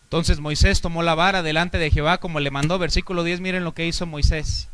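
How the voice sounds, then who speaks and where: A Mexican pastor preaching in a fairly high voice with a Mexican Spanish accent. He rises to loud exhortation, drops to quiet asides, and throws rhetorical questions at his listeners. The sound is dry and close, with little room echo. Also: fairly even intonation, fast talker, clean tone. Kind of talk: sermon.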